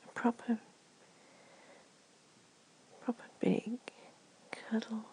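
A woman in an ASMR comfort roleplay, talking in a soft, gentle whisper. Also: a little high, monotone, very slow, poor audio. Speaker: ASMR performer.

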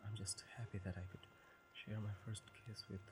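A man playing a shy, flustered young man smitten with a friend in a romantic audio role-play, stammering, halting and apologetic. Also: on the low side, level tone, background noise, close to an everyday voice. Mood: breathless, tender.

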